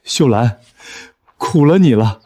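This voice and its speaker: A man's voice: medium pitch, slow pace. A man playing a stubborn principled farmer. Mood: resolute. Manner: firm, steady. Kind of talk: drama voice acting.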